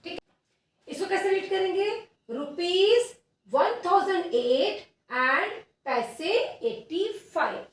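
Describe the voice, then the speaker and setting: A high-pitched Indian woman teacher talks unhurriedly, spelling out each word so small children can write it down. Her voice comes from some distance in a very echoey room. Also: expressive. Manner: slow, patient, repeating each word for dictation. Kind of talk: online maths lesson for young children.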